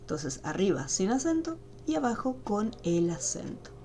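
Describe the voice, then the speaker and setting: Lady teaching online, slow patient steps, mellow voice, faint hum and typing behind. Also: medium pitch, big pitch swings. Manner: patient, step-by-step explaining. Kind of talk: online class. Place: home room, online video call. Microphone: computer mic on a video call.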